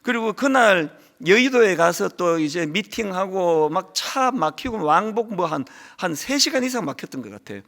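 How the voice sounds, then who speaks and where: A man's voice: high-pitched, expressive, moderate pace, few pauses, fairly bright tone. A man preaching a sermon as a pastor, telling stories and acting out the voices of his church members. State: lingering cold.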